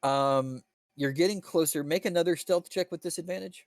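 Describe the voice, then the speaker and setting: A man narrating as dungeon master in a live-streamed tabletop game, talking in halting bursts full of fillers and restarts. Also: on the high side, no echo.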